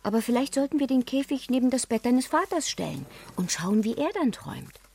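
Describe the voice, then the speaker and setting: Soft mom, husky and a bit gravelly, voice goes up and down a lot. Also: female voice, fairly high pitch, animated, a little fast. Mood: tender. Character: mother of the boy, gentle and teasing.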